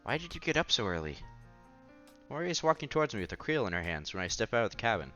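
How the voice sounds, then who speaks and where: The audio is dull as a man with a lowish voice runs through a visual novel read-aloud, bright and forceful, talking fast with big swings in pitch. He covers narration and dialogue casually, with stumbles and side comments, over background music.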